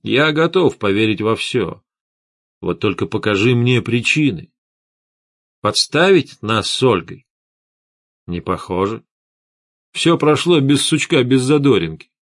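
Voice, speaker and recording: A male audiobook reader voicing an old, scheming chief of light mages, speaking low, subdued and heavy. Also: very animated, unhurried, pauses often, fairly bright tone, no echo, studio quality, full character voice. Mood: skeptical. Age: older. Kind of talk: audiobook character voice.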